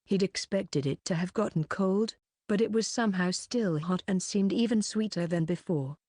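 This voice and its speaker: A woman reading a light novel aloud in an even, unhurried storytelling manner, close to the mic. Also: mid-range voice, dry recording. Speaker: audiobook reader.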